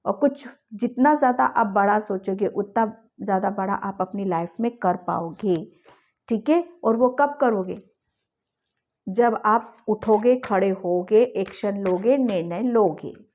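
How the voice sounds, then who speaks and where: Speaking slowly in a darkish, medium-pitched voice, a woman gives a tarot reading to her viewers. She coaxes and encourages them, regularly ending thoughts with a comforting "ठीक है." The audio is dull.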